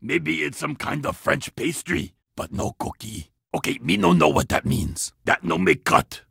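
Cookie Monster, gravelly and excitable. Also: male voice, fairly high pitch, a little slow, no room sound, studio quality, exaggerated voice. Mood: eager. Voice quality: gravelly, broken grammar. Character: greedy furry blue cookie-loving monster, childlike, excitable. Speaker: in-game character. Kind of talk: children's game voice acting.

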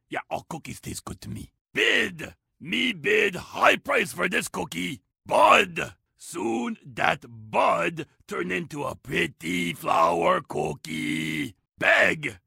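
A man voicing a greedy, childlike cookie-loving monster in a children's game, with a gravelly voice and broken grammar. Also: high-pitched, slow, few pauses, bright, forceful tone, no room sound, clean studio sound, exaggerated voice. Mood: eager. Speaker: in-game character.

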